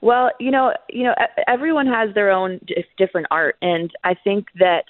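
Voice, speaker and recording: A woman's voice: medium pitch, moderate pace, dry recording. Thirtyish woman musician chatting casually, lots of "like" and "you know", sounds tinny and dry like a phone call. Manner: relaxed, chatty, leans on filler words. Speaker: guest musician. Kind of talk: casual interview answers. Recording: tinny phone-line audio.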